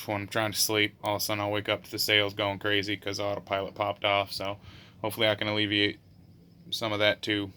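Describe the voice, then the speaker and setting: A man sailing alone, talking casually to the camera from his boat's open cockpit in a slangy, joking manner, hamming up mock sales pitches. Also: completely flat delivery, fast, sharp tone, clear, resonant tone. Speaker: solo sailor and vlogger. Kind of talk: casual vlog talk to camera. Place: open cockpit of a sailboat on a lake.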